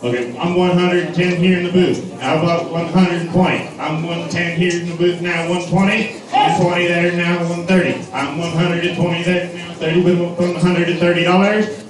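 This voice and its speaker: A man's voice: high voice, steady tone, moderate pace. A man working as an auctioneer at a live auction, calling bids in a repetitive patter of numbers. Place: large echoey venue with a crowd. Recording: echoey hall from far off, crowd noise.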